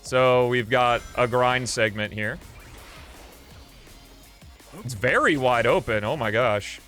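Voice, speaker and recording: With video game music running behind his voice, a livestream host offers loose, informal commentary on his gameplay, musing out loud as he goes. He speaks slowly in a mid-range, somewhat bright male voice.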